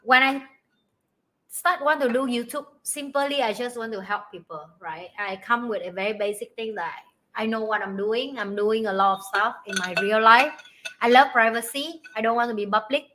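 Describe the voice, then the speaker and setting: A woman's voice: fairly high pitch, moderate pace, pushed and bright, poor audio. A woman vlogger chatting casually as host in non-native English, self-mocking and repeating herself for emphasis. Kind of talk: casual live chat.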